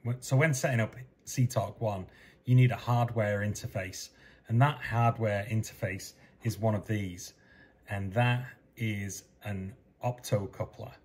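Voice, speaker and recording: A man's voice: lowish voice, measured pace, a little mellow, slight background noise. A man in his fifties giving a methodical technical tutorial from a basement workshop, recorded on a desk webcam. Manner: methodical, repeats steps plainly. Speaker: DIY sailing electronics presenter.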